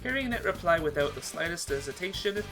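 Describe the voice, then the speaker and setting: Game music plays as a man with a slightly high, expressive voice dramatically narrates a visual novel during his playthrough. He speaks briskly and stumbles on some words.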